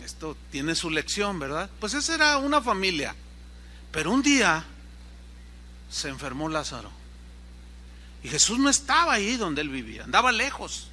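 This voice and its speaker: A man's voice: high voice, very animated, moderate pace, long pauses, sharp tone. A man pastor giving a sermon, retelling a story and acting out its dialogue. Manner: storytelling preacher who acts out the dialogue. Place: church service.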